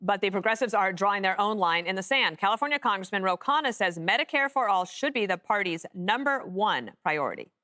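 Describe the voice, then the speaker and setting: News host, woman, quick and crisp, dry studio sound, brisk scripted lead-ins. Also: mid-range voice, lively intonation, bright, forceful tone, no room sound. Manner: brisk, light scripted delivery. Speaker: show host. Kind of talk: cable news panel hosting. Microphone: studio mic.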